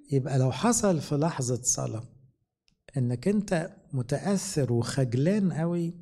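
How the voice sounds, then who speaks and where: Middle-aged male priest, Egyptian accent, mellow and gravelly, easy conversational sermon. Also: mid-range voice. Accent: Egyptian Arabic. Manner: conversational preaching with slow scripture readings.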